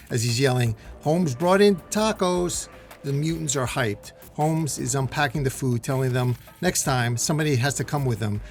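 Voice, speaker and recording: A man's voice: mid-range voice, creaky. A man narrating a comic book recap in a dramatic, scripted way, talking to viewers as "guys.". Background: faint music.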